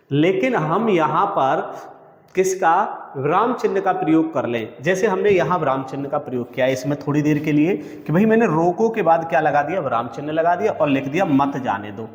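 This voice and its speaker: A male teacher giving an exam coaching lesson. He keeps asking a question and then answering it himself, and calls his listeners friends and brother. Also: fairly high pitch. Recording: echoey room with long reverb.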